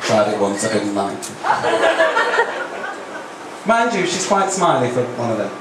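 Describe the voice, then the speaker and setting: A man's voice: lowish voice, very animated, unhurried. A man performing as a campy drag queen host, doing teasing stand-up patter with the audience. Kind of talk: live stand-up comedy patter with audience banter. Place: live cabaret stage in a music cafe. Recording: echoey live venue, distant mic, loud crowd noise. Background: loud audience noise and laughter.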